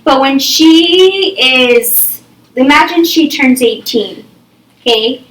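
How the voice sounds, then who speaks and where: A young woman teaching a small reading group talks through a story slowly and expressively, thinking aloud and ending nearly every point with "okay?" or "right?". Her bright voice sits a little high. She's recorded from far off in an echoey classroom.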